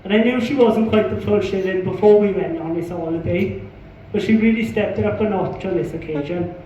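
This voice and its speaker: A Welsh-accented man performs a punchy, sweary, self-mocking stand-up set in a pub. His voice is high and dark-toned, a little fast, with slight background noise. The mic sounds distant and muffled in the echoey room.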